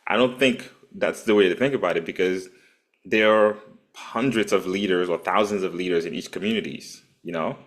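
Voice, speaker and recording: A man from Haiti, speaking thoughtfully as a panelist in an online discussion, often pausing with "um". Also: low voice. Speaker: panelist, policy group founder.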